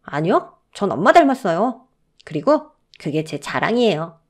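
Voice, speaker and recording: A woman voicing a polite, gentle young man who adores his mother. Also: on the low side, big pitch swings, normal speed. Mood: earnest.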